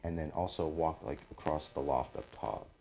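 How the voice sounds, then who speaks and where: A man's voice: rumbling low, steady tone, moderate pace, gravelly, noisy background. A young man telling a long story in a rambling, casual podcast chat, full of swearing and fillers. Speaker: podcast host.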